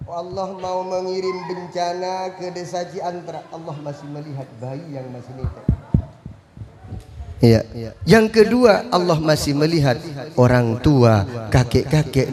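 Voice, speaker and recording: A middle-aged man preaching at a mosque study gathering, his voice sitting a little high. He tells stories, acts out the dialogue and laughs along the way. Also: a little mellow. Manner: storytelling with acted dialogue and laughter. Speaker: Quran teacher and preacher. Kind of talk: informal religious study talk.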